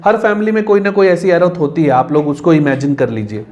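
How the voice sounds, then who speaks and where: High-voiced man teaching a story lesson. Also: steady tone, a little mellow. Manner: reads English lines slowly, then explains in casual Hindi, acting out characters' lines. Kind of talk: Hindi-English lesson explaining a story.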